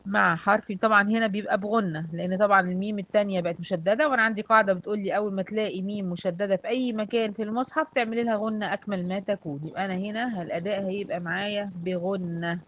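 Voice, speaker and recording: A woman with an Egyptian accent teaching Quran recitation rules, asking and answering her own questions and reciting examples slowly. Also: medium pitch, steady tone, fairly bright tone, muffled recording. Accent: Egyptian Arabic. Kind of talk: online class teaching tajweed.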